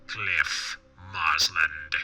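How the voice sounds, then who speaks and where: The Shadow, deep, slow, sinister whisperer. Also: male voice, over loud music. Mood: quietly menacing. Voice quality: low, whispered. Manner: slow, halting, menacing, deliberate. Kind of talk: dramatic pulp audiobook reading.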